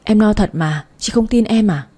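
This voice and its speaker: A woman's voice: mid-range voice, normal speed, mellow, breathy edge, natural voice. A woman voicing a grief-stricken young wife. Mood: flat, weary. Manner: tearful, pleading. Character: grieving young woman who lost pregnancy.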